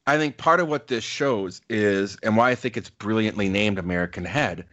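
Speaking at a normal speed, this man in his 40s has a voice on the low side with a bit of brightness. He co-hosts a podcast, chatting casually, earnestly and reflectively, with lots of filler words.

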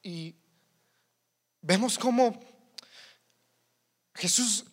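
Man, very high-pitched voice, Mexican accent, preacher, conversational sermon, humorous, repeats words. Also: extremely slow.

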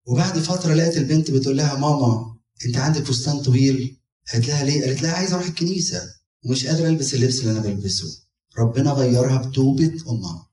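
A man with an Egyptian accent preaching a sermon to a congregation, telling stories and acting out the people in them. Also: mid-range voice. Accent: Egyptian Arabic. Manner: animated storytelling, acts out quoted people. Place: church hall before a congregation. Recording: echoey hall, mic from far off, audience behind.

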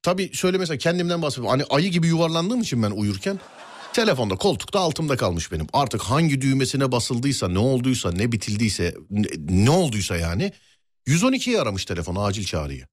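A man hosting a casual radio show, chatting playfully and telling stories in an animated way. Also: medium pitch. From Turkey. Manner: animated storyteller, quick and playful. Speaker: radio host. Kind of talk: casual studio banter.

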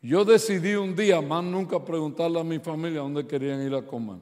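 Spanish-speaking pastor preaching in a reverberant hall. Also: male voice, a little high, a little fast. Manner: animated storytelling, acts out quoted voices, rises to loud preaching. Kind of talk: sermon with humorous stories. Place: church sanctuary.

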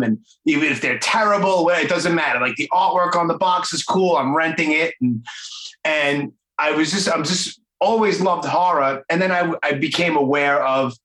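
In his forties, a podcast host chats loosely and enthusiastically through a casual interview, his talk full of fillers. His voice is fairly high with a fairly bright tone, and the recording has a roomy echo.

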